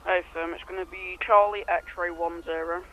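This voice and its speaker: A man role-playing a patrol officer over two-way radio, speaking in halting procedural phrases. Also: high voice, fairly even intonation, dull audio, a little hiss or hum. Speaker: police patrol officer in a role-play game. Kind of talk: radio dispatch role-play chat.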